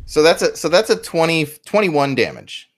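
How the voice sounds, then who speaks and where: A man's voice: fairly high pitch, very animated, normal speed. A man running a tabletop game as game master, chatty and full of fillers and restarts.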